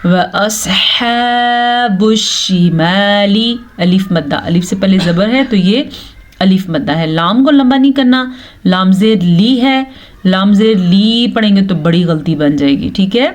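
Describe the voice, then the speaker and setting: Woman, tajweed teacher, patient step-by-step explanations, slow drawn-out recitation, corrects common mistakes. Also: mid-range voice, a little mellow. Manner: explains rules patiently, then recites verses slowly and drawn out.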